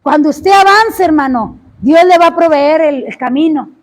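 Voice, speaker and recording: A woman preaching a sermon, impassioned, often rising to shouts and drawing out words for emphasis. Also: high voice, normal speed.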